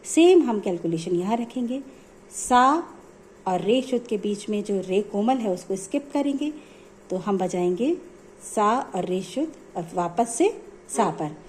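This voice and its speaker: A woman's voice: mid-range voice, lively intonation, measured pace, darkish tone, slight background noise. A woman music teacher explaining notes step by step in a patient, repetitive way. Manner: patient, explanatory, repeats points.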